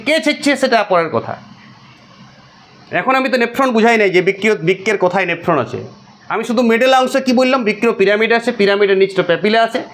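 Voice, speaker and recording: A man teaching biology to a class, drilling his students with repeated questions and answers in an insistent way. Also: fairly bright tone. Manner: quick, high-pitched and insistent.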